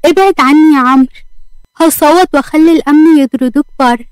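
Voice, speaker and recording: A woman's voice: high voice, steady tone, fast talker, mellow, no echo, natural voice. A woman with an Egyptian accent voicing a young woman who curtly and angrily rejects a former lover, in a read-aloud story. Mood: angry. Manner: curt, angry.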